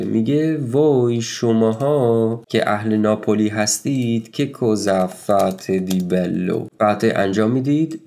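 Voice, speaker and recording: A man's voice: mid-range voice, a little mellow. A man teaching a language in a casual video lesson, explaining step by step and translating each word, with conversational rhetorical questions.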